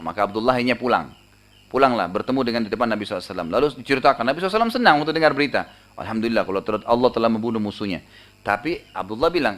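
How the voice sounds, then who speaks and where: A male preacher, telling a story in a sermon and acting out the voices in it with sudden pitch jumps. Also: fairly bright tone.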